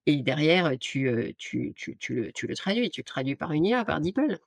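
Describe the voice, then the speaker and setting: Woman guest, gravelly voice, dry close sound, hesitant with restarts. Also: low voice, very animated, moderate pace, no room sound. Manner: hesitant, many restarts and fillers. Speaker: guest, art director and AI trainer. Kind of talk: casual interview talk.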